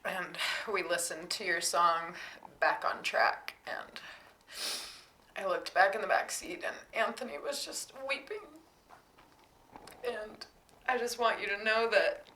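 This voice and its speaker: A woman's voice: medium pitch, steady tone, a little slow, long pauses, pushed and bright, roomy sound, a little hiss or hum, poor audio. A woman and parent speaking heartfelt words to her son in a family talk, sometimes close to tears. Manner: heartfelt, tearful at times. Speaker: parent and co-host.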